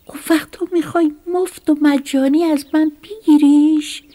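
A woman voicing a small, indignant male mouse in a whispered role-play, pleading in a high, upset voice. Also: vocal fry, slightly rough, heavily acted.

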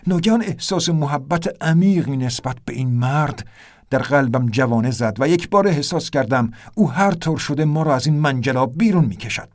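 A man narrating an audiobook in a tense, vivid way. His voice sits slightly high for a man, and his delivery is steady and dramatic throughout.

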